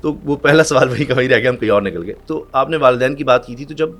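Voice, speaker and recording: A middle-aged man from Pakistan, a news anchor telling stories in a podcast chat, acting out quotes and reciting verse slowly. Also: mid-range voice, fairly bright tone, soft background music.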